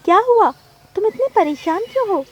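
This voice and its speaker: A woman voicing a small girl sparrow in a cartoon, tearful and pleading in a very high voice. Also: expressive, a little fast. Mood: insistent. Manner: crying, pleading.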